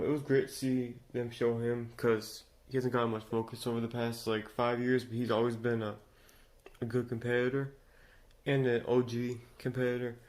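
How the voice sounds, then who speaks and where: A man's voice: medium pitch, darkish tone. A man casually reviewing a competition show episode, rambling with many fillers and restarts, still congested after being sick. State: congested from recent illness. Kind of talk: casual unscripted commentary.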